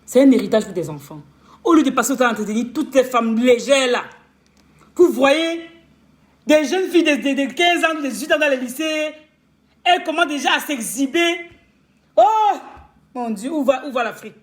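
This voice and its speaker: A woman's voice: high-pitched, expressive, a little fast. A woman relationship coach giving an impassioned, scolding rant on a live stream, firing off rhetorical questions and stammering over repeated words.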